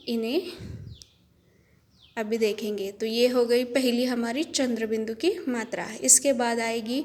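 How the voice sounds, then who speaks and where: Slow, patient woman teaching children. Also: on the high side, a little mellow. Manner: patient, repeats each point, checks in with "ok". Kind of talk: children's Hindi lesson.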